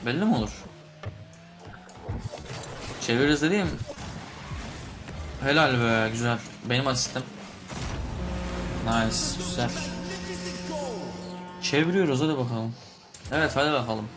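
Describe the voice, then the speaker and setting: A young man giving excited commentary on a game he is playing, shouting and cursing at it through a cheap desk microphone. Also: mid-range voice, moderate pace, long pauses. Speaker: gaming YouTuber. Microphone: cheap desk microphone on a laptop. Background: game music.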